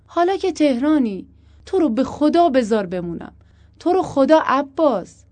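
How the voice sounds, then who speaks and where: A woman's voice: sits high, lively intonation, darkish tone, pitched above the performer's own voice. A woman voicing a frightened young wife who pleads emotionally with her husband. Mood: pleading.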